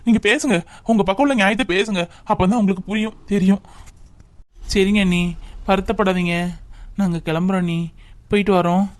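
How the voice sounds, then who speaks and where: A man's voice: sits high, fairly even intonation, fairly quick, long pauses, lightly acted. A man playing an earnest young husband who urges and reassures his wife in a family drama skit. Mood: apologetic. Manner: urgent, advising.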